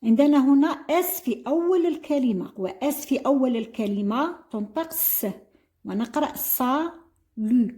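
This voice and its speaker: A woman's voice: high voice, lively intonation, fast talker, dark tone. An older woman, a retired primary school teacher, explaining an exam. She spells out words letter by letter and mixes French with Arabic. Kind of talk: classroom lesson explaining an exam.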